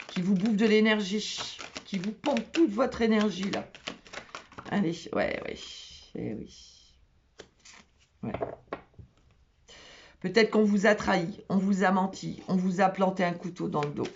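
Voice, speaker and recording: A woman's voice: lowish voice, highs cut off, a little hiss or hum. A woman giving a casual tarot reading for zodiac signs, chatty and repetitive, often checking in with her listeners. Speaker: tarot card reader.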